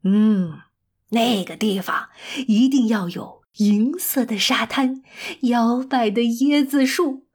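A woman narrating a children's story with a gentle, expressive, drawn-out delivery. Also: fairly high pitch, husky.

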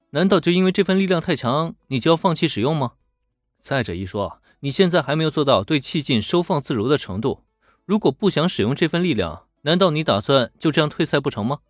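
A man doing a patient young mentor, lively lilting voice, reassuring, audiobook story. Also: on the high side, dry recording, clean studio sound. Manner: reassuring, lightly teasing. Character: calm young male mentor, teasing and patient.

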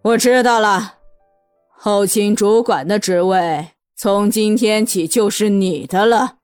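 A man's voice: high-pitched, slow pace, dry recording, voice pushed up. A man voicing a cold, commanding old grandmother who heads the family, in a dry audiobook reading with faint music under it. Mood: cold, stern. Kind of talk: audiobook character voice.

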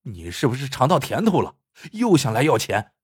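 A man voicing a pushy, short-fused boss in an audio storybook, barking his words in a brusque, scolding tone. The voice is husky and dry, with lively swings in pitch. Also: normal speed, dry recording, exaggerated voice. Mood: indignant. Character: pushy, hot-tempered male construction boss.

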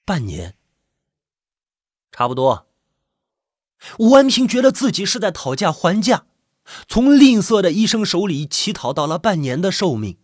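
Man, husky voice, lively pitch, dry close sound, scripted suspense story narration. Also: normal speed, no room sound.

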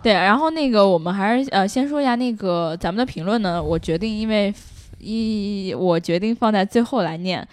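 A woman's voice: mid-range voice, moderate pace, smooth. A woman hosting a podcast in casual chat, often doubling up short words of agreement. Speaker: podcast host.

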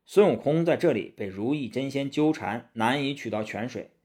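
A man narrating a storybook tale in an animated, dramatic way. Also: mid-range voice, normal speed, breathy edge.

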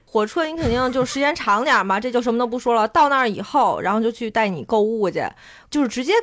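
A woman's voice: fairly high pitch, animated, fast talker, fairly bright tone. A woman with a Beijing accent, casually telling anecdotes in colloquial, slangy talk.

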